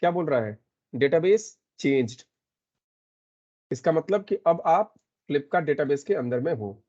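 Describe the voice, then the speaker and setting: Slow-talking man teaching code. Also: on the high side, animated, a little mellow, muffled recording. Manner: explains step by step, mixes in English phrases, often checks with a quick "okay". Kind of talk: screen-recorded coding lesson.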